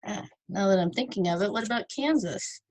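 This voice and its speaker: A woman's voice: mid-range voice, a little fast, a little mellow, slight background noise, rough recording. A woman teaching an online ESL lesson, patiently sounding out words syllable by syllable and repeating them.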